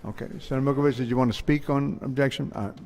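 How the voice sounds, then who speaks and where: A man presiding over a state senate, calling votes in brisk, formulaic procedural announcements. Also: mid-range voice, fairly even intonation, darkish tone. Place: large legislative chamber.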